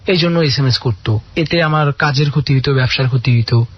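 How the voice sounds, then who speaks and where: A man's voice: medium pitch, fairly quick, breathy edge. A man calling in to a radio show, earnestly telling a long personal story full of quoted dialogue. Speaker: caller. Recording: dull lo-fi radio audio.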